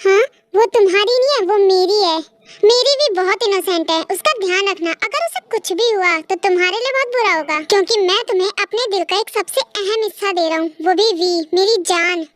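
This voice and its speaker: A woman's voice: extremely high pitch, normal speed. A woman voicing a protective, lovesick young man in a fan-made audio story, speaking in an earnest, pleading way. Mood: earnest warning.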